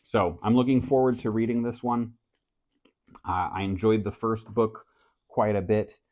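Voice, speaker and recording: A man who grew up in France, talking casually to camera about his reading list in a relaxed, measured way. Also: on the low side. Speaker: book vlogger. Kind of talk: casual book talk to camera.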